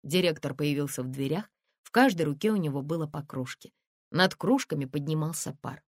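A woman reading an audiobook narration in a measured, expressive way. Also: low-pitched, no room sound, clean studio sound. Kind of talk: scripted narration.

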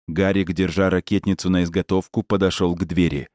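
A man narrates a novel in steady, measured scripted narration. His voice sits low and the sound is dry and close, with no room around it. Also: no echo. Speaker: audiobook narrator.

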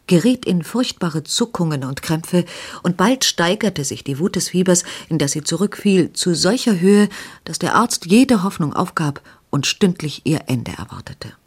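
A reader narrates a literary novella in a measured, dramatic way. The voice sits mid-range and has a husky, breathy grain. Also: mid-range voice.

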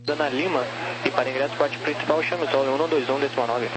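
Over a noisy radio channel, a Brazilian man issues air traffic control instructions. His delivery is rapid and flat, with very little melody in the phrases. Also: mid-range voice. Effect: radio transmission.

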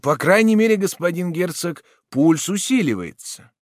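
A man voicing a grave, formal doctor who gives measured, cautious warnings. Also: sits high, expressive, dry recording, clean studio sound, pitched above the performer's own voice.

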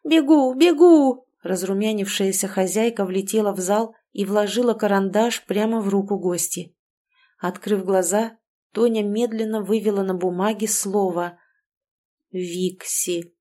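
A woman narrates an audiobook with steady, expressive delivery. Her voice sits at a middle pitch. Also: moderate pace. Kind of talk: scripted narration.

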